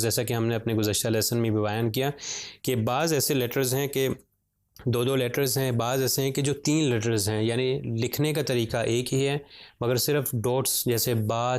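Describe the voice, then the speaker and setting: A man teaching how to read Quranic letters, patient and slow, stretching out each sound with frequent hesitation fillers. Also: mid-range voice, a little mellow. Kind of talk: step-by-step lesson on Arabic letters and vowels.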